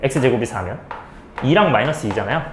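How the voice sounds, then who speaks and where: Lively male math teacher, echoey room. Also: mid-range voice, moderate pace, slight background noise. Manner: keeps checking in with students, "okay?"; explains step by step, asking and answering his own questions. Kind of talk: recorded math lecture.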